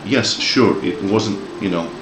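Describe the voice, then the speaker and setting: In a reverberant space with a noisy background, a slow, low-voiced man in his forties gives a heated opinion rant. Greek-born and Australian-raised, he speaks with a Greek-Australian accent, swears, and repeats words when riled.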